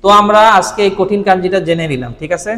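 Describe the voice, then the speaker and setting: A man's voice: high-pitched, lively intonation, very fast, a bit bright. Bengali-speaking man teaching, echoing room. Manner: asks questions then answers them himself; frequent "thik ache?" check-ins to the viewer. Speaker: Japanese language teacher. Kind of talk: casual explanatory lesson.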